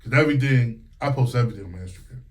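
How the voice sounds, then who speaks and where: Rapid-fire and mid-range in pitch, this man talks candidly in a casual interview. He's in his thirties, hails from Connecticut, and works as a singer and music teacher, and his relaxed delivery is heavy on fillers and quoted anecdotes.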